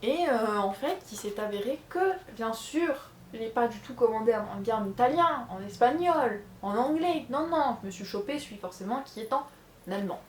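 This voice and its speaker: A woman's voice: on the high side, lively intonation, moderate pace, roomy sound, slight background noise. Give me a chatty young French woman with a rambling way of talking. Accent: French from the Charente region. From France. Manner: chatty and rambling, many fillers and self-corrections. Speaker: vlogger answering viewer questions. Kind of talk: casual chat. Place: bedroom at home.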